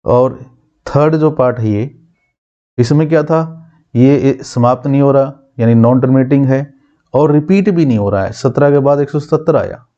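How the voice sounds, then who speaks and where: A male math teacher giving a classroom lesson, asking his students questions and answering them himself, repeating key terms slowly. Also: medium pitch, dark tone, lo-fi sound.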